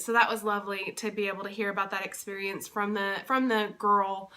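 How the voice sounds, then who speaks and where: Sharp in tone and mid-range in pitch, this young vlogger and convention interpreter gives a rambling, chatty update full of fillers. She sounds congested, still getting her voice back after losing it.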